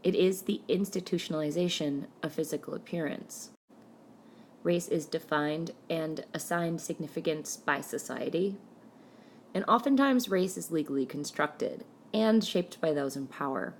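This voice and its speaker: A woman with a low voice delivers a lecture in a measured way, listing her points one after another. A faint hum of background noise sits under her voice. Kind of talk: recorded lecture narration.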